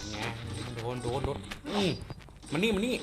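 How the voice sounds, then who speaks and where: A man's voice: fairly high pitch, a little slow. Guy hyped up playing a fighting game, lots of oohs and wows, game music going behind. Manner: excitable, exclaims and gasps often. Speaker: game reviewer. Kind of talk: excited gameplay commentary. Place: home beside a busy road.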